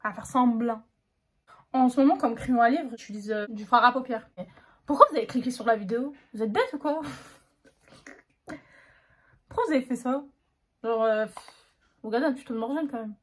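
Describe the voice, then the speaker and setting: A woman's voice: fairly high pitch, a little fast, slight background noise. A young woman chatting casually through a makeup tutorial, slangy and self-mocking. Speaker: beauty vlogger.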